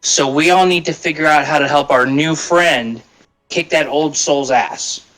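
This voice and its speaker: A man playing a tabletop game, describing his character's looks and actions in a deliberate way. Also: a little high, a bit bright, poor audio. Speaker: player.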